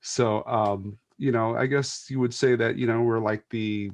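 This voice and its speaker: A Filipino American man from the United States, a church worship team member, speaks casually as a panel guest. His mid-range voice is fairly even in intonation and measured in pace, easygoing, with chuckles and many fillers.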